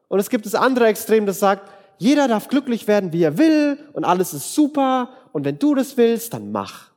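Man, preacher, high voice, earnest, direct sermon, long hall echo. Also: a little mellow. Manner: earnest, direct, talks straight to listeners. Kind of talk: conversational sermon.

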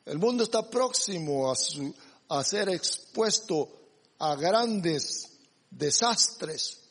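A husky-voiced man preaching a slow, emphatic sermon, his voice high for a man. The recording rings with a long hall reverb. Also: animated, a bit bright. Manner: emphatic, addresses the congregation as brothers. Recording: echoey hall.

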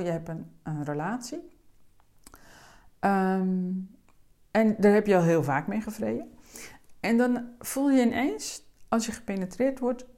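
A woman speaking as a coach, explaining slowly and gently in a calm, deliberate way. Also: mid-range voice.

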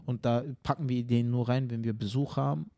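Animated male podcast storyteller. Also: medium pitch, brisk, gravelly. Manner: animated storyteller, tag questions, acts out scenes. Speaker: podcast co-host, comedian. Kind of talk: casual chat.

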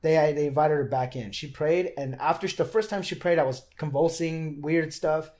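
A man's voice: fairly high pitch, moderate pace, a little mellow. A young man, a podcast guest, earnestly telling a personal faith story in casual conversation, often restarting his sentences.

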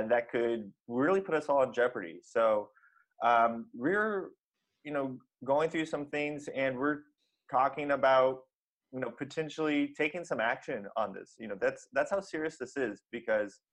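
Guy on a comedy podcast, mock serious, rambles, lots of you knows, ordinary pitch. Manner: rambling, earnest, many fillers. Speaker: podcast co-host.

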